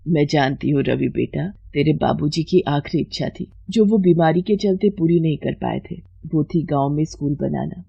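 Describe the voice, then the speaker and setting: A woman voicing a fretful, affectionate older village mother in a cartoon story, with a breathy voice. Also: low-pitched, normal speed, hardly any pauses, mellow, no echo, highs cut off, heavily acted.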